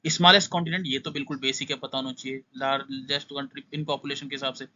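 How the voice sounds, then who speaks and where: Brisk young male exam tutor, bright voice. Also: medium pitch, little pitch movement, highs cut off. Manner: brisk, skims through points, repeats "must know". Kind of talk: casual exam-prep lesson.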